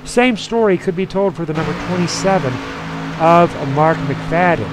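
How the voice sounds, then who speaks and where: A man calls a simulated truck race in a folksy, chatty way, drifting into asides between laps. His voice sits a little high. Game engine noise runs clearly beneath him. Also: normal speed. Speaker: sim racing announcer. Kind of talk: play-by-play race commentary.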